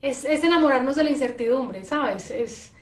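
High-voiced animated woman. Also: normal speed. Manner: animated, expressive, repeats phrases. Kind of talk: conversational interview. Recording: echoey room.

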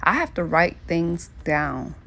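Indoors in her home kitchen, a middle-aged woman with a lowish, gravelly, sharp-toned voice speaks slowly with big pitch swings. A lifestyle vlogger, she offers a folksy, casual motivational chat, addressing viewers as friends and y'all.

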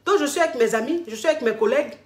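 A woman's voice: sits high, lively intonation, rapid-fire. A woman hosting a vlog, giving casual, familiar relationship advice and repeating herself as she speaks to her listeners as darling. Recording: roomy echo.

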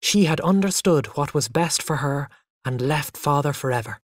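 A narrator telling a first-person story for English learners in a lively way. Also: mid-range voice, moderate pace, no echo, studio quality.

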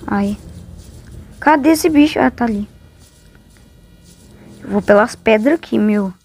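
A woman's voice: on the high side, a little slow, a little mellow, breathy edge. A woman with a Brazilian accent giving casual, exclamatory, complaining commentary as a gamer playing along.

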